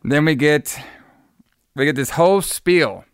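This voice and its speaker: Male podcast host, gravelly edge, clean close dry sound, casual, jokey storytelling. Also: on the high side, a little slow, no echo. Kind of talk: casual film review chat.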